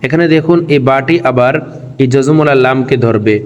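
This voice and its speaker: A man teaching a recitation lesson, explaining pronunciation slowly word by word and drawing out chanted verses. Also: mid-range voice, big-room sound, lo-fi sound. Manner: slow, drawn-out chanting of verses between spoken explanations.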